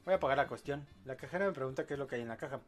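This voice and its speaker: A man's voice: medium pitch, racing, soft background music. A man hosting a casual live podcast, rambling and joking as he reads audience posts aloud. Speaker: podcast host.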